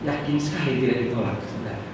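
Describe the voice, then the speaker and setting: Man, pastor, animated sermon, very echoey church, distant mic, faint room noise. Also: medium pitch, fast talker. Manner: animated preaching, acting out quoted prayers. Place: church hall. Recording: echoey church hall from far off.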